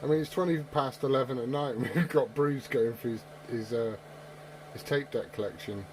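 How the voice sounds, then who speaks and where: A CB radio operator chats casually on the air, joking, swearing freely, and spinning tall tales. His voice is medium-pitched at normal speed, and the very noisy CB recording is full of clicks.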